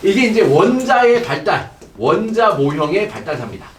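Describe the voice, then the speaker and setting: Speaking at normal speed, a middle-aged man teaches chemistry in a high, lively voice and keeps checking his students' understanding with frequent questions. The distant mic picks up classroom echo along with a little hiss or hum.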